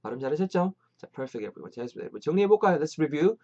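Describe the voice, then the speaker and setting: Lively man teaching English, dull recording. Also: on the high side. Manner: lively, drills English phrases slowly and repeatedly. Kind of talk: online English lesson.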